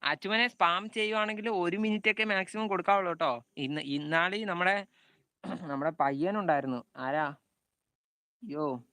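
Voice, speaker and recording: A man's voice: high-pitched, moderate pace, long pauses, sharp tone, no echo. A young man with a Malayali accent streaming a football video game live, calling out plays and greeting viewers by name. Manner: chatty, calls out passes and greets viewers by name.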